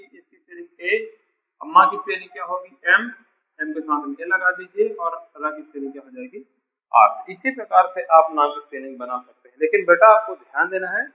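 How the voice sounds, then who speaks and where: A man teaches a beginner English lesson on spelling, patiently repeating every point and addressing his students as dear children. His voice is high-pitched and sharp, and the recording sounds muffled.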